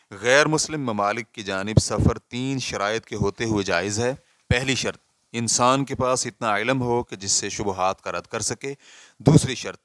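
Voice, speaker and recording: Man, low smooth voice, steady formal reading of a religious ruling, dry close sound. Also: dry recording. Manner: measured, even recitation with cited references.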